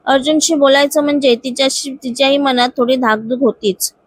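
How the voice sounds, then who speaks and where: A woman narrating a romance serial story in a steady, expressive reading. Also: sits high, a little fast.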